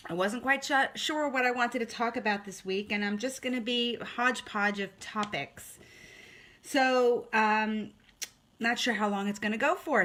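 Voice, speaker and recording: A woman's voice: medium pitch, a bit bright. A woman hosting a casual live-streamed health talk, chatting with viewers and often checking in with "okay?". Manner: chatty, greets viewers by name, frequent "okay?". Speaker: online health host.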